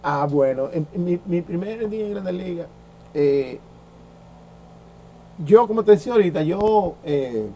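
A Dominican man in his sixties, a former baseball pitcher, telling stories in an interview and acting out the dialogue he quotes. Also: a little slow, long pauses, slight background noise. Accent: Dominican Spanish. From Dominican Republic. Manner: lively storyteller who acts out quoted dialogue, with frequent restarts. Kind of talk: anecdotal storytelling in an interview.

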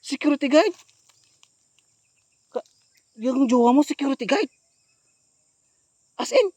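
Guy doing an outdoor ghost hunt vlog, mellow dark voice, calls out then goes all hushed, dry close sound. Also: extremely high pitch, expressive, measured pace, no room sound. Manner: calls out loudly, then drops to hushed asides to viewers. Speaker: ghost hunter vlogger. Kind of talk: outdoor staged vlog narration.

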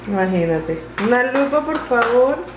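A woman's voice: on the high side, animated, unhurried, noisy background. A woman with a Venezuelan accent, vlogging casually at home in a chatty, playful, exclamatory way. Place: home, indoors.

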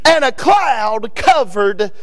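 A guest preacher in his thirties with a Northern Kentucky accent delivers a fiery Baptist sermon at the pulpit microphone of a church sanctuary. His voice is very high, sing-song and slow, and he builds to shouting, repeats lines, and calls out men in the pews by name.

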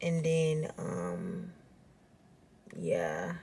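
A woman's voice: rumbling low, very animated, drawn-out words, vocal fry, mellow, husky. A woman in her twenties with an American accent, chatting casually and informally to camera in a slangy vlog style. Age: 20s. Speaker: vlogger. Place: inside a car. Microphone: handheld or mounted camera at arm's length.

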